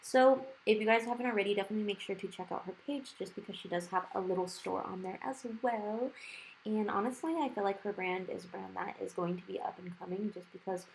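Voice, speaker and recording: A woman's voice: medium pitch, fairly quick, vocal fry, a little hiss or hum, rough recording. A woman with a lisp that slurs her s sounds, talking in a casual, rambling way as she narrates a nail tutorial. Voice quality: lisp with slushy s sounds from new dental work. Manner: chatty, rambling, informal. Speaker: nail art video creator. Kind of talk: casual chatty tutorial voice-over. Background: music.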